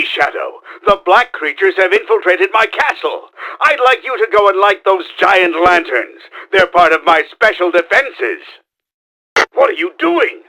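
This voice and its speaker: Pitched high with wild, swooping intonation, this gravelly-voiced video game villain is a bombastic mad scientist, a pompous, scheming middle-aged man. The voice acting is heavily exaggerated, forceful and theatrical, commanding in mood, with every line performed, and there is background noise.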